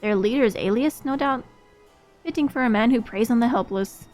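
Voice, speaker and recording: A woman reading a calm scheming companion. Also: on the high side, soft background music, lightly acted. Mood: planning. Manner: measured, explaining.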